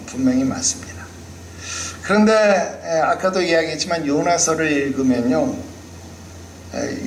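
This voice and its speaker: A male pastor with a fairly high voice preaches emphatically and keeps turning to the congregation with rhetorical questions. His voice echoes around a roomy church hall, with a faint ambient murmur behind it. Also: a little hiss or hum. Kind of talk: sermon.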